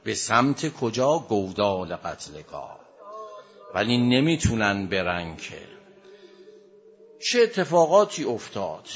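A man's voice: on the low side, very animated, pauses often. A man delivering a mourning sermon, a preacher recounting a tragic story with impassioned, tearful emotion. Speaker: religious preacher reciting a lament. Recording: dull lo-fi recording.

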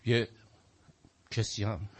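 A male preacher with a husky voice telling religious stories in a sermon, shifting between hushed narration and loud emphasis. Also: fairly low pitch, steady tone. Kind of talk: sermon storytelling.

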